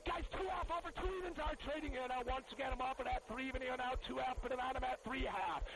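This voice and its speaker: Man, frantic trading floor shouting, extremely high strained pitch, gravelly, urgent repeated price calls, heavy background noise. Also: fast. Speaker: trading floor market squawk announcer. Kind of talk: live market price commentary, calling out trades. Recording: very noisy trading floor audio.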